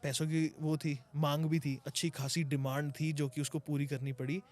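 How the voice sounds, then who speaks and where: Higher-voiced man hosting a podcast. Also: level tone, moderate pace, a little mellow. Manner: conversational, asks questions, gives short agreements. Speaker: podcast host. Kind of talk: podcast interview.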